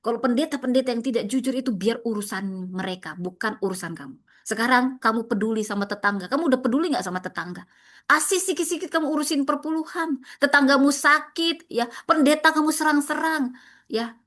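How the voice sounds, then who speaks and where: A woman's voice: sits high, brisk, a bit bright. A woman pastor, preaching a sermon in an impassioned, scolding way full of rhetorical questions.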